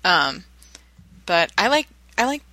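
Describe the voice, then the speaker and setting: A woman runs a relaxed podcast conversation and keeps it playful. Her voice is bright and forceful. The recording is dry and close. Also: on the low side, slow, no echo, poor audio. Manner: giggly, playful teasing. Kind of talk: casual podcast chat.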